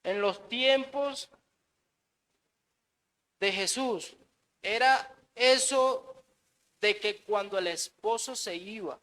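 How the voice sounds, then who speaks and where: A man's voice: sits high, extremely slow, pauses often, sharp tone, poor audio. A married man preaching a sermon in an earnest way, often repeating words and saying amen. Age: adult, married.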